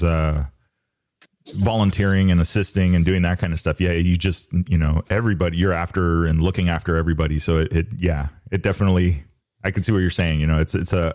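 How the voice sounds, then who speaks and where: A man hosting a podcast, talking casually in a halting way with restarts and fillers. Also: deep voice, a little mellow. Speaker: podcast host. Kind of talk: casual conversation.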